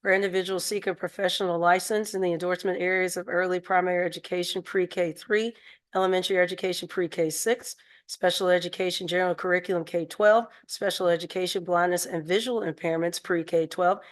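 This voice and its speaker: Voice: mid-range voice, steady tone, brisk. A board chair running a formal public meeting, moving through procedure and laughing easily with the members.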